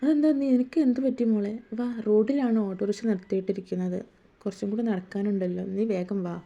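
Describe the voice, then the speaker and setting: A woman's voice: mid-range voice, steady tone, brisk, dark tone, lightly acted. A woman voicing a poor, tired, kindly aging father who talks wearily and coaxingly, in a dull lo-fi recording. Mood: weary. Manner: weary, coaxing.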